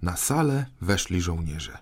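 Man, audiobook narrator, measured storytelling, lowish voice, slow pace. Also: very animated, husky. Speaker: audiobook reader. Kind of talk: scripted narration.

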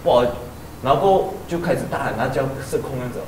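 A man telling a story in a casual group chat, animated and full of restarts. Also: medium pitch, rapid-fire. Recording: roomy, distant mic, noisy.

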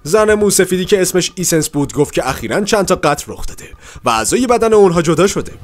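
A man narrating a comic book story, reading the characters' lines himself in shifting voices. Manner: lively storytelling, reads every character's lines with shifting pitch.

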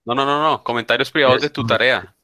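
A male teacher runs an online class through a video call. His voice is bright and forward, recorded close and dry. He talks casually to his students and repeats himself to press a point. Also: mid-range voice, fairly even intonation, quick pace, dry recording. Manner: informal, calls students "papá", insistent repeating. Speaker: English teacher.

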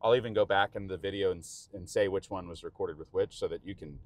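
A Texan-accented vlogger rambles and chats while driving in the rain, often cutting himself off, captured by an action camera mounted inside the car. His voice is low and quick, with a slight hiss or hum on the recording.

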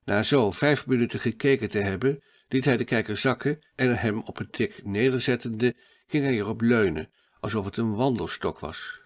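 A male narrator reads a classic adventure story aloud in a steady, measured way. His voice sits in an ordinary middle pitch for a man. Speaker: audiobook narrator. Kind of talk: scripted audiobook narration.

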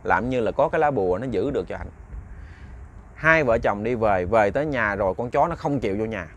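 A man's voice: fairly low pitch, expressive, a little fast, fairly bright tone, dull audio, a little hiss or hum. A man with a Southern Vietnamese accent telling a ghost story, chatty and talking straight to his listeners. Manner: chatty, addresses listeners directly.

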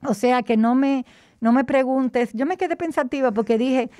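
A woman's voice: sits high, moderate pace, darkish tone, no room sound, clean studio sound. A woman speaking through a face mask, explaining health topics in casual chat, often hesitating and bringing in religious references. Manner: plain explanations with frequent hesitations and restarts.

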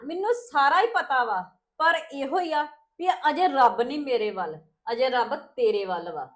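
A woman plays a wronged housewife who answers with grave warnings and resentment. Her voice is high, and her tone is that of a scripted family drama. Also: expressive, moderate pace. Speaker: actor in a family skit.

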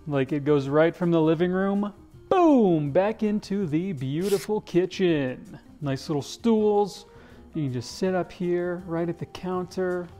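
Holding the camera toward himself, a young English-teacher vlogger playfully shows off the kitchen inside a large house, saying "dude" again and again. He sounds animated and warm, his voice sitting high and a little slow, over soft background music.

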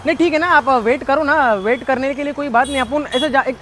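A man begs and pushes in a quick, high voice while doing a street prank, and he keeps saying the same things over and over. Loud traffic and street noise fill the recording. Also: fairly even intonation. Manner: pleading, pushy, repeats himself. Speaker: prankster host. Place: busy street outdoors.

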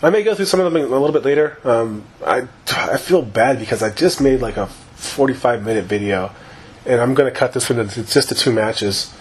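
Talking a little fast in a medium-pitched voice, this gaming YouTuber gives rambling, profane commentary on his own play, sounding a bit hoarse from a long session.

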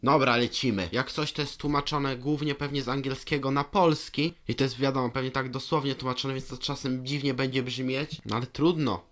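A man's voice: mid-range voice, fairly even intonation, a little fast, hardly any pauses, fairly bright tone. A young man hosting his own channel, casually talking through a ranking and reading viewer reviews aloud in a plain, conversational way. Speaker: channel host. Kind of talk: casual ranking video narration.

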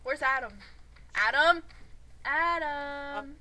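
Brief: high-voiced woman, dramatic and giggly, casual gameplay chat over a noisy recording. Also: takes it slowly. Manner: loud, giggly, dramatic protests. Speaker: channel owner playing a game with friends. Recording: noisy game-chat audio.

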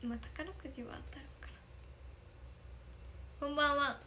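Bright-voiced young woman chatting on a livestream. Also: sits high, steady tone, normal speed. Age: young adult. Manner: chatty, thanks viewers often, giggly. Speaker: idol livestreamer. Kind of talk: casual livestream chat reading comments. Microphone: phone camera.

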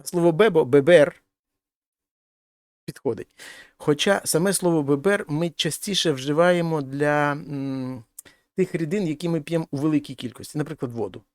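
A man's voice: fairly high pitch, normal speed, no room sound. Man teaching a lesson in a dry, close sound. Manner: explains step by step, translating each example. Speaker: Spanish teacher. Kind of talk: explaining grammar in a lesson.

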